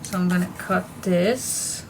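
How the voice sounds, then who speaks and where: A papercraft tutorial host talks slowly in a fairly low, slightly hoarse voice, relaxed and chatty, murmuring to herself as she works through a casual crafting lesson. Background noise is audible.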